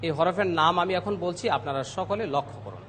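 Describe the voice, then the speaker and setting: High bright-voiced male recitation teacher. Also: big pitch swings, big-room sound, slight background noise. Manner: slow, instructive, repeats letters loudly for students. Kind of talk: televised pronunciation lesson. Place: TV studio.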